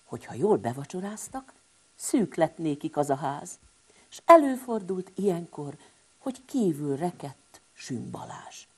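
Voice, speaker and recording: A woman telling a rhyming bedtime story to children, animated and speaking to them directly. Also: fairly low pitch, slightly rough.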